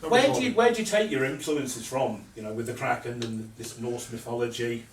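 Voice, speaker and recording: A man interviewing a band, enthusiastic and quick to laugh. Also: medium pitch. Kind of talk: interview chat. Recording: echoey venue, far mic, crowd.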